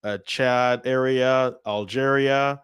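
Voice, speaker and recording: A man explains world events in casual talk, telling a story with animated energy and slipping into voices for the people he quotes. His voice sits at an ordinary middle pitch. The sound is dry and close, with no room around it. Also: takes it slowly, clean tone, no echo. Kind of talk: casual political discussion.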